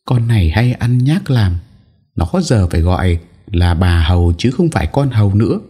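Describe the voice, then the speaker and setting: A man voicing a cruel, sneering middle-aged second wife in an audio story, with a husky voice. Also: on the low side, lively intonation, moderate pace, warm tone, voice pushed up. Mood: harsh. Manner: sneering, harsh.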